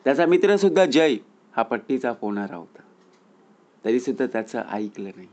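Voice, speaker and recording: A man's voice: big pitch swings, normal speed, a little mellow. A man telling a moral story in an earnest, rising storyteller's manner. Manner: earnest storyteller, rises in pitch and volume at tense moments.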